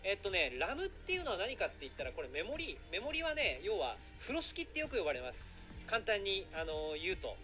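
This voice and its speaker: A man chatting casually on a live stream, excitable and rambling, often apologizing for being too loud. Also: high-pitched, fairly quick. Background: background music.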